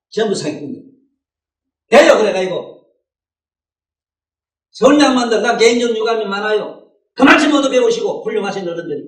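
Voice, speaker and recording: A high-pitched male voice with a fairly bright tone. In a dharma hall, a Buddhist teacher speaking with a Gyeongsang Korean accent gives a folksy, rhetorical sermon, often prodding listeners with "eh?" questions; the sound is echoey and the mic distant.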